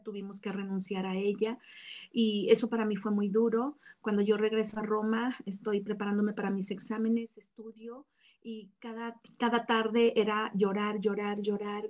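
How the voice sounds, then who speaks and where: Flat-voiced woman giving testimony. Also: medium pitch. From Mexico. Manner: reflective, earnest, with small restarts. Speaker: testimony speaker. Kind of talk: personal religious testimony.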